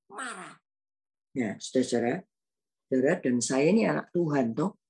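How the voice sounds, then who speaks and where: A woman's voice: lowish voice, creaky, a little mellow, husky. A woman in her eighties with a Javanese accent, preaching in a homely, conversational way and telling a personal story to her listeners. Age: 80s. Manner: homely, addresses listeners often as brothers and sisters.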